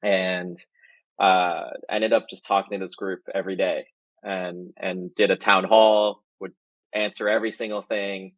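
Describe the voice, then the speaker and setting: A man's voice: sits low, flat delivery, measured pace, no room sound, low-quality recording. A man, a marketing executive guest, telling a rambling anecdote in casual podcast chat and often correcting himself mid-sentence.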